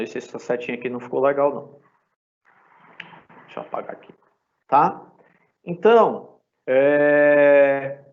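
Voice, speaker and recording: A man with a Brazilian Portuguese accent teaching an English class live online, explaining patiently and checking in with the students often. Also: fairly high pitch. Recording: dull lo-fi sound.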